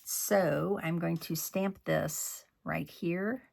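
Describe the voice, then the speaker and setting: Man, card-making demo host, unhurried gravelly delivery, chatty and self-scolding. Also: on the high side, steady tone, a little mellow. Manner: chatty, scolds himself and mutters asides. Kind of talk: crafting tutorial.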